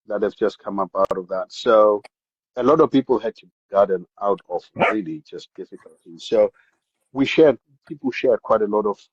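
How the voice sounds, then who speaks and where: A man's voice: on the low side, slightly rough, dull audio. A man from South Africa with a South African accent, a podcast guest talking casually about his upbringing with lots of repeats and restarts. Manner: animated storyteller, many repeated words and restarts. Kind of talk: casual interview chat.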